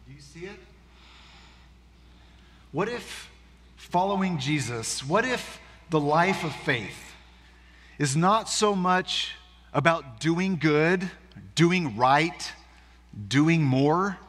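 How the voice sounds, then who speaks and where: A man pastor preaching a sermon, asking slow, contemplative questions. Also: a little high, lively intonation, fairly bright tone, in a large hall.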